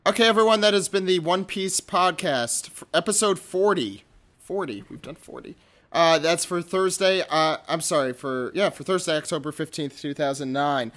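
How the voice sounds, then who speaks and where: A man hosts a podcast in loose, unscripted chat. His delivery is halting, and he stumbles over his phrasing as he addresses listeners. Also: fairly high pitch, a bit bright. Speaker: podcast host.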